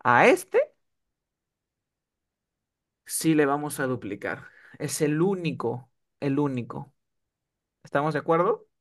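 A man's voice: a little high, very animated, slow, pauses often. A man teaching English one-on-one over a video call, often checking that his student is following. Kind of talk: one-on-one online tutoring.

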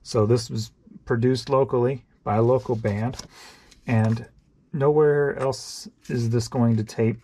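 Sorting tapes for resale, an online reseller thinks aloud in a rambling, offhand manner for a casual show-and-tell vlog. His voice is medium-pitched and dark-toned, steady and a little slow.

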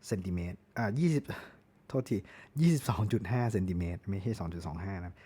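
A man's voice: lowish voice, very animated, brisk, dark tone. A Thai man giving a chatty tool review, often correcting himself and spelling words out. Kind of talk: casual product review.

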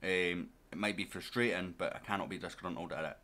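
A man with a low, deep voice commentates a management game in an easy let's-play style. He chats directly to his audience and to the players on screen in a relaxed, conversational way. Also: a little fast. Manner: chatty, talks straight to viewers and to his players. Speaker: gaming YouTuber.

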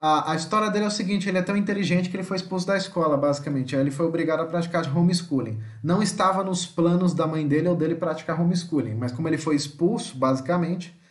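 A Brazilian man teaching an online language lesson, explaining slowly and spelling out and repeating example words. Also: on the high side, reverberant. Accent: Brazilian Portuguese.

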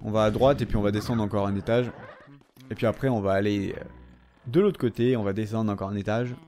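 Steady and mellow, with a fairly low pitch and a slightly fast pace, a young man offers laid-back let's play commentary. He chatters at the game characters, answering them back and swearing jokingly.

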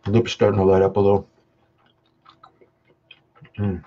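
Speaking a little slowly with little pitch movement, a Canadian man vlogs about hot sauce on a live webcam stream. Between short remarks he hums and chews spicy pizza, sweating from the peppers. The webcam mic sound is dull and low-fi with faint noise.

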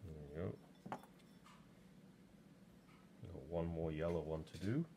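With a slow, mellow bass voice, a sixty-something man from England talks casually while working at his pottery studio. The camera sits just over his shoulder, his chat rambles with plenty of ums, and there's slight background noise.

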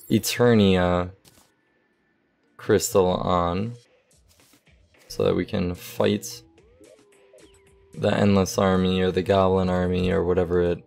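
Young guy w the hiccups doing laid back gaming commentary, unhurried, bit of vocal fry, low-ish voice. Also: soft background music. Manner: relaxed, thinking aloud while sorting items. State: has the hiccups. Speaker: gaming YouTuber. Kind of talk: casual game commentary.

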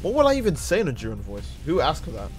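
A man streaming a video game, rambling casually, swearing and reacting loudly to what happens on screen. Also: on the high side, wildly swooping pitch, fast talker, faint music behind. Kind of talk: casual gaming stream chat.

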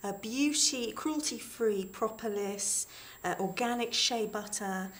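A woman's voice: mid-range voice, slow pace. A middle-aged British woman as a guest expert, enthusiastically explaining a product in a home shopping demonstration. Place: small indoor studio.

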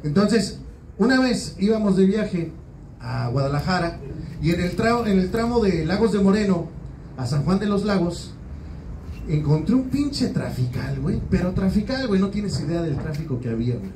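Warm-toned and high-pitched, a comedian with a Mexican accent works through an animated, crude routine at moderate pace, leaning hard on slang and "güey." The set takes place at a small open-mic venue, recorded from a distance with a roomy, off-mic quality and faint room noise.

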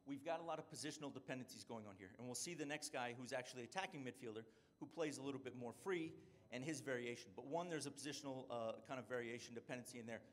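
Talking fast with few pauses, a medium-pitched middle-aged man presents at a conference as a strength and conditioning coach. He keeps checking in with "right?" as he explains each point.

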